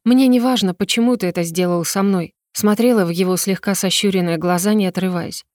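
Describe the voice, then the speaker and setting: A woman narrates a storybook in the first person, her reading emotional and rising in pitch on the heroine's words. Her voice sits at a middle pitch. The recording is close and dry. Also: a little fast, a little mellow, dry recording. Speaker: audiobook narrator.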